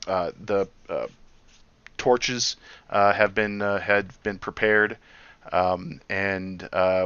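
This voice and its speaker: A man narrating as dungeon master for a tabletop game, halting with many filler sounds. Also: a bit bright, clear, resonant tone, dry recording. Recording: dull dry low-fi audio.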